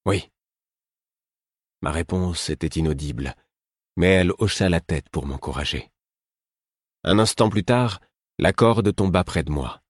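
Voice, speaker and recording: A man reading a first-person story as an audiobook narrator, in a measured, grave manner. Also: low voice, no echo, studio quality.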